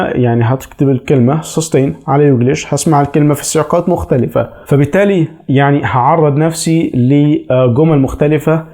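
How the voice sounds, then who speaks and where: A man's voice: a little high, a little mellow. A man with an Egyptian Arabic accent giving chatty, reassuring advice as an English teacher in a casual explainer video.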